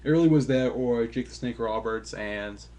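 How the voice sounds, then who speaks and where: A man's voice: mid-range voice, normal speed, warm tone, slight background noise. A man giving a casual, rambling game review, full of fillers, offhand and self-deprecating, with casual swearing.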